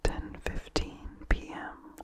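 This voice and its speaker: A whispering narrator, breathy and unvoiced in the ASMR manner, reads vintage horror fiction with careful, unhurried, measured phrasing.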